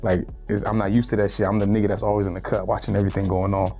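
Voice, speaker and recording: Laid-back young man, flat and low. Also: rapid-fire, soft background music. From Miami, Florida. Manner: laid-back street slang, lots of "you feel me". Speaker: rapper, interview guest. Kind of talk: casual interview.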